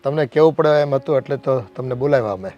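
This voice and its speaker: A man plays an earnest elderly uncle who worries about quarrels tearing the family apart. He talks in a pleading, heartfelt way. Soft music plays under his voice. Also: medium pitch, fast talker, dull audio, lightly acted. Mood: worried.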